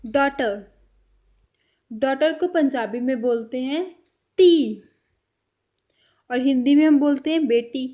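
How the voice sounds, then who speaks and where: Slow, high-voiced woman teaching words. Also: dark tone. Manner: repeats each word slowly and carefully. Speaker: language teacher. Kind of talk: slow vocabulary lesson.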